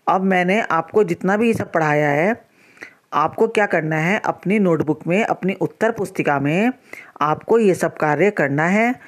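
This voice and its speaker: A woman teacher explains a lesson to children at an unhurried pace. She repeats each line patiently, and her voice stays steady and plain. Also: on the low side.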